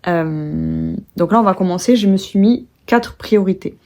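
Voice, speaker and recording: A woman's voice: mid-range voice, a little slow, warm tone. Young French woman, casual at-home vlog chatter, rambling with fillers and restarts. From France. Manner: rambling, many fillers and restarts, self-correcting. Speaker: vlogger. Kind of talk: casual chat to camera.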